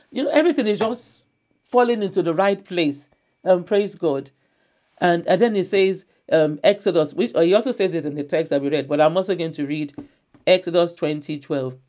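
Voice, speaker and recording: A woman's voice: lowish voice, dark tone. A woman pastor preaching a church sermon, repeating her key phrases emphatically and reading scripture aloud.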